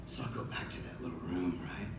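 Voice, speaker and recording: A man's voice: sits low, fairly even intonation, fairly quick, very noisy. Male singer, spoken story between songs; raw, profane; roomy distant live sound. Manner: raw, profane, swings from hushed to shouting. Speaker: singer telling his story on stage. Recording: echoey live venue from far off, loud crowd.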